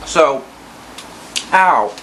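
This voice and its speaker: A man's voice: a little high, lively intonation, extremely slow, bright, forceful tone, a little hiss or hum. A drunk man giving a casual, rambling, profane rant about movies in a loose, incredulous way. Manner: tipsy, loose, incredulous ranting. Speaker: vlogger ranting about bad movies.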